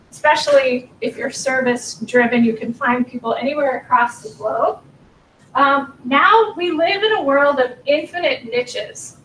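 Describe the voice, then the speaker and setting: A woman's voice: high-pitched, fairly bright tone, slight background noise. A woman in her forties giving a workshop talk, earnest and encouraging, her voice a little strained. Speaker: workshop speaker. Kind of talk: workshop presentation. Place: meeting room. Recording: echoey room, mic at a distance.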